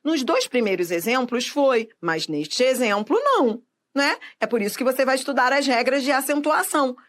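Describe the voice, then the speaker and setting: A woman with a fairly high voice leads a grammar video lesson. She talks directly to the viewer, poses questions and answers them herself, and stretches each example word out slowly so it can be heard clearly. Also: sing-song, fairly bright tone. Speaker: Portuguese grammar teacher.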